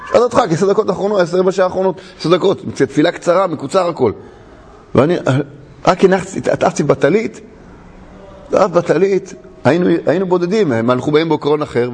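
Gravelly-voiced man telling a story. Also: on the high side. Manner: animated storyteller, laughs often. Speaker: religious teacher. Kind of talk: storytelling sermon. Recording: long hall reverb.

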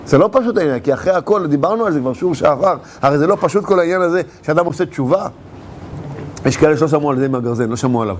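A man's voice: on the high side, expressive, a little hiss or hum. A man teaching a religious lesson, animatedly telling a parable and acting out its scenes.

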